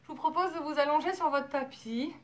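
A woman leading a children's yoga class, calling out in a sing-song voice and guiding gently when the children rest. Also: high-pitched. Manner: animated, sing-song calls to young children; soft, slower guidance while children lie down. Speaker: kids' yoga teacher.

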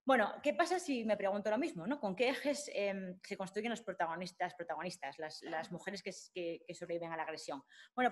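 A woman gives an academic talk with slides, speaking informally with many fillers and restarts. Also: medium pitch. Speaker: lecturer at a summer course.

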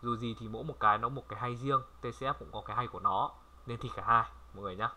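A man from Vietnam giving a casual language lesson, chatty and repeating words slowly for viewers to copy. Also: medium pitch, fairly even intonation, sharp tone, a little hiss or hum. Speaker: French language tutor. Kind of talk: casual screen-recorded lesson.

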